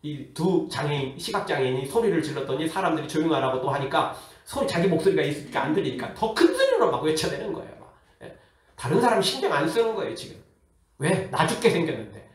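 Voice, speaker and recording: A man who is a pastor, preaching a sermon in a lively way with rhetorical questions and acted-out voices. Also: on the high side, fast talker, heavy reverb, recorded from a distance. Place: church hall.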